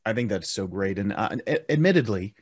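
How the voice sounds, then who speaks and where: A man's voice: on the low side, expressive, fairly quick, breathy edge, dry recording. A man hosting an interview podcast, asking long, chatty questions that wander into tangents. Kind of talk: casual interview.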